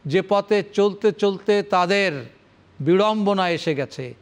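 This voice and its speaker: A man's voice: sits high, takes it slowly. A man giving a televised religious lecture on the Quran. He recites Arabic verses and explains them in formal, rhythmic, repeated phrases, addressing his audience solemnly. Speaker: Islamic scholar presenting Quran commentary.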